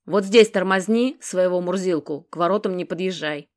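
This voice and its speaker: A woman's voice: fairly low pitch, moderate pace, a little mellow, lightly acted. A woman voicing a chatty, good-natured young man who rambles and mumbles, in an audiobook. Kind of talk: audiobook character voice.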